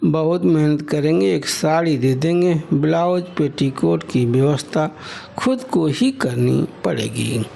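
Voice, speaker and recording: A man's voice: on the high side, expressive, takes it slowly, gravelly, mellow, slight background noise, full character voice. A man reading a novel aloud, voicing a proud young village wife who complains sharply and sulks. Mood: sulky.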